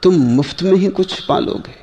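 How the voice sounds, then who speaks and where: A man giving a slow, measured spiritual discourse, pausing often and asking his listeners rhetorical questions. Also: high-pitched, expressive, gravelly, mellow. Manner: slow, measured delivery with long pauses. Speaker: spiritual teacher.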